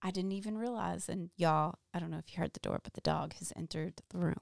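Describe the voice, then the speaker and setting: A woman's voice: on the low side, quick pace, gravelly, dry recording, clean studio sound. A woman co-hosting a live show in casual chat, encouraging and playfully teasing. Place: at a desk indoors.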